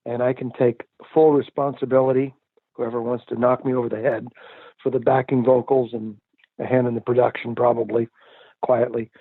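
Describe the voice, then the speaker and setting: An older male musician, a guest on a tinny phone line, answers interview questions reflectively and chattily, laughing often and using lots of fillers. His mid-range voice stays fairly level in pitch at a moderate pace, with no echo.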